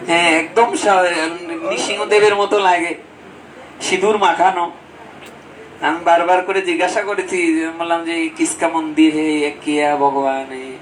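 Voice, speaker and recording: A man giving a devotional sermon as a storytelling preacher, swinging between high exclamations and low asides. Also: distant mic, rough recording. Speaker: Bhagavat preacher.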